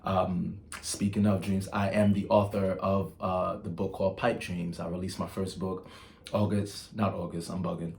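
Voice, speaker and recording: In a casual vlog monologue, a Nigerian channel host tells stories chattily, peppered with ums and restarts. His deep, darkish voice holds a level tone at a moderate pace, with some vocal fry.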